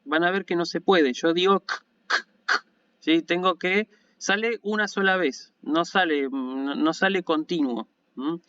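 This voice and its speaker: A man with an Argentine Spanish accent gives an online lecture in a patient, explanatory way, often checking in with his listeners. His voice sits fairly high for a man and sounds smooth and resonant. The recording is dull and lo-fi. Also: measured pace, pushed and bright, dry recording. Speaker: university lecturer in Ancient Greek.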